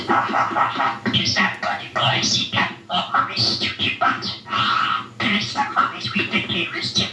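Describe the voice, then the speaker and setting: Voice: mid-range voice, pushed and bright, reverberant, distant mic. A small pet budgie mimicking human speech in scratchy, squawky parakeet chatter, repeating phrases and nursery rhymes. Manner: chirpy, repetitive chattering mimicry.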